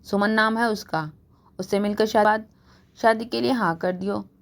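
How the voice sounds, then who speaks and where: A woman's voice: medium pitch, normal speed, vocal fry, natural voice. A woman voicing a stern middle-aged father who scolds and gives commands in a storybook reading.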